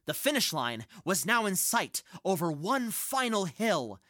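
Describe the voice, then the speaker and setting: A man hosts a children's storytime, narrating with a playful, animated lilt. His delivery is slow and leisurely, with pitch that rises and falls freely. The recording is dry and close. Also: no echo. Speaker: storyteller host.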